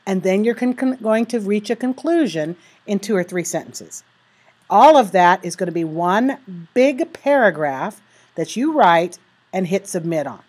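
A woman teaching a recorded writing lesson into a computer mic, her voice sitting at an ordinary middle pitch. She has the hiccups and talks students through each step, slowing down to read out sample sentences. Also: expressive, a little mellow, breathy edge.

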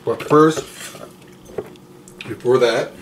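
A man's voice: mid-range voice, heavy background noise. A man in his thirties hosting a casual home cooking video, talking in an easygoing, jokey way while he cooks and tastes. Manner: slow, easygoing, jokey, chews between remarks. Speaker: cooking vlog host. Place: home kitchen and dining room, indoors.

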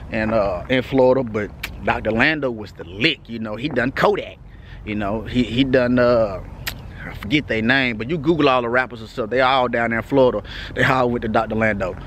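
A vlogger from Texas gives his viewers a relaxed update outside at night, speaking loosely in a Texas accent and leaning on "you know what I'm saying." His mid-range voice is a bit bright and moves at a moderate pace, with a little hiss or hum in the audio.

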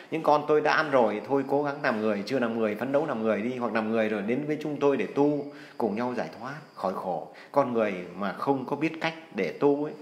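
A man's voice: medium pitch, roomy sound. A man giving earnest, folksy Buddhist advice in a casual, preachy way. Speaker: healer giving spiritual advice.

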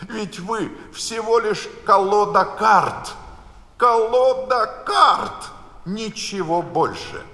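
A bass reciter voicing a bold, stubborn young girl in a live storybook reading. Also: lively intonation, slow, fairly bright tone, heavily acted. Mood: defiant. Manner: defiant, insistent. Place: palace concert hall. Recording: live concert hall reverb.

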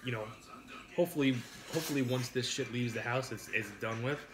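A man's voice: medium pitch, brisk, music in the background. A man in his thirties chatting casually on a live stream at his kitchen table while eating, crude and joking, reading out viewer names. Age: 30s. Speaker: mukbang streamer. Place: home kitchen at a dining table.

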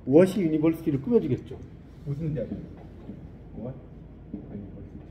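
A man teaching an English lesson to students, explaining in Korean, reading English lines slowly and often checking that they follow. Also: a little high, big pitch swings, very noisy. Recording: echoey room, dull muffled sound.

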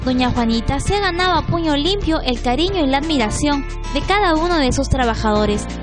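High-voiced woman narrating a news feature. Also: lively intonation, fairly quick. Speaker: reporter. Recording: background music under voice-over.

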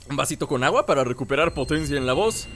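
A man with a Mexican accent commenting on a video game as he plays, joking and shouting at the screen. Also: medium pitch, a little hiss or hum. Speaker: gameplay host. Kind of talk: let's play commentary. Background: game music.

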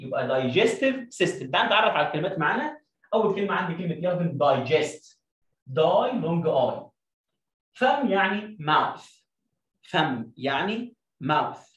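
A man with an Egyptian Arabic accent teaches an English video lesson, drilling pronunciation by repeating sounds. His voice is fairly high, and the audio is dull and roomy from a distant mic.

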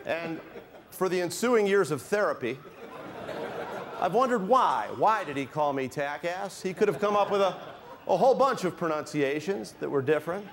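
The middle-aged keynote speaker's voice sounds high-pitched and lively at normal speed, with some chatter behind him in the conference hall. He jokes with the live audience and asks them to raise hands.

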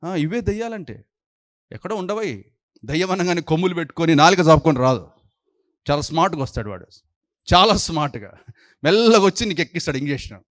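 A man preaching a sermon as pastor, scolding his listeners with rapid-fire rhetorical questions. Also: a little high, animated, fairly bright tone, dry recording, clean studio sound.

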